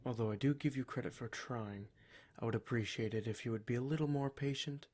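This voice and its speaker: In a scripted ASMR roleplay, a man voices a cruel, smug male demon who taunts the adventurers he has captured, speaking formally with a mock-polite menace. His voice is medium-pitched, brisk, a little mellow, and lightly acted.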